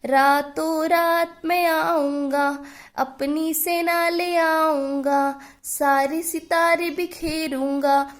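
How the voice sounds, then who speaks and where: A woman voicing a cheeky little male mouse who boldly demands things and chants slow sing-song threats. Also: sits high, darkish tone, soft background music, natural voice.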